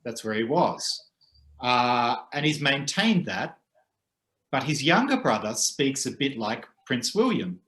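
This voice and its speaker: A man co-hosting a casual chat, speaking thoughtfully with frequent hesitant pauses. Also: medium pitch, big pitch swings, fairly bright tone. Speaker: co-host. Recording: roomy echo.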